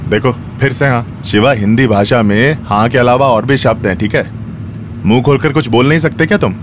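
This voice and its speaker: A man's voice: mid-range voice, normal speed, background noise, natural voice. A man voicing a departing emigrant, teasing. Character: man in his forties leaving home to work abroad. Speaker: dubbing actor. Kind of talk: Hindi film dubbing.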